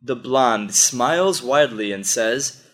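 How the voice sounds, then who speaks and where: A middle-aged man telling a joke in a deliberate storytelling manner. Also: mid-range voice, expressive, fairly bright tone. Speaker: joke teller.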